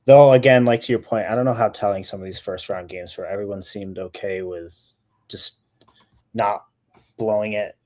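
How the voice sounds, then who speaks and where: Low-voiced male co-host, casual, talks while checking numbers. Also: fairly even intonation, moderate pace, darkish tone. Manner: thinking aloud, checks stats as he talks. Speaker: sports betting show co-host. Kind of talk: casual betting talk.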